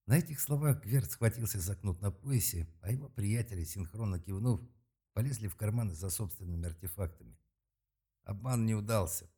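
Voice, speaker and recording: A man reading an audiobook aloud in a steady, measured way. His voice is very deep and dark, with a husky, breathy grain. The delivery stays calm and even through long narrated passages. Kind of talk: scripted narration.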